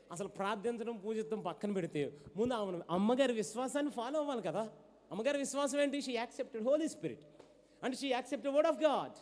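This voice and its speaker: A young man preaching a sermon, rousing his congregation to shout amen and slipping English words into his talk. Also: extremely high pitch. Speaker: pastor. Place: church hall. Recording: long hall reverb.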